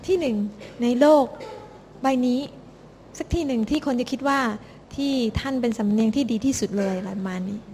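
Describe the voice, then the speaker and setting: A woman interpreting a sermon into Thai for the congregation, rendering it lively and expressively. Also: on the high side, brisk, slight background noise. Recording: hall reverb.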